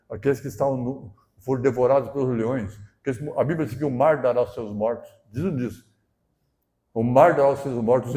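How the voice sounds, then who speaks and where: A male pastor delivering a sermon. He talks in a conversational way, keeps checking in with the congregation, and swells into loud, emphatic bursts. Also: mid-range voice. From southern Brazil.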